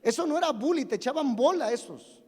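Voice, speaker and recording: A very high-pitched, husky yet mellow voice moves a little fast and animated as a pastor in his forties preaches. He tells funny self-deprecating stories and asks his congregation questions, recorded with the long reverb of a church sanctuary.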